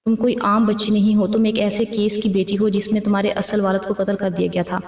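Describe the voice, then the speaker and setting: A woman's voice: medium pitch, level tone, darkish tone, natural voice. A woman voicing a frightened, tired mother who pleads urgently in a trembling voice in an audio story. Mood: fearful. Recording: roomy, distant mic.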